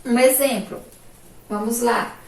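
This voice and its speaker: Brazilian woman teacher from Sergipe, slow and emphatic with children, slightly high voice, echoey room from a distance. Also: fairly even intonation, gravelly. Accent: Brazilian Portuguese, Sergipe. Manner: slow, drawn-out, emphatic syllables with frequent "ó" and "olha aqui". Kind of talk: remote school lesson for children. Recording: echoey room from far off, faint background noise.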